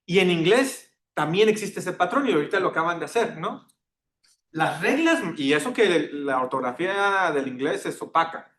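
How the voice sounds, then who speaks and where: A man's voice: animated, moderate pace, a bit bright. A man giving a classroom lecture, engaging the class and checking in with tag questions. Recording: echoey classroom with faint rumble.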